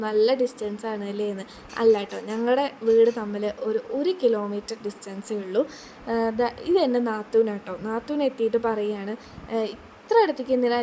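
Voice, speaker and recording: A woman's voice: a little high, darkish tone, a little hiss or hum. A young woman narrating a family video as a vlogger, chatty and a little shy, with many hesitant fillers. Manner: admits to being shy on camera.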